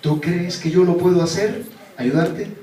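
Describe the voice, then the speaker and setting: A man voicing God as a calm voice that gently questions a man in need. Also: sits high, unhurried. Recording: echoey church from a distant mic.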